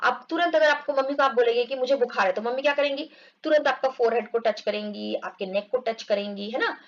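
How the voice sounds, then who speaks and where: A woman explaining an English textbook story to children, reading the lines slowly and acting out the characters. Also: fairly high pitch. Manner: reads English lines slowly, explains in Hindi, acts out groans. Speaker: English teacher. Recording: dull lo-fi recording.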